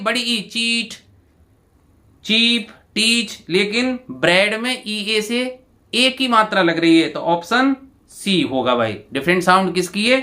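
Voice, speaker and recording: A male teacher, going through exam answers and repeating each word slowly to his students. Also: sits high, pushed and bright. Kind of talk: exam answer walkthrough lesson.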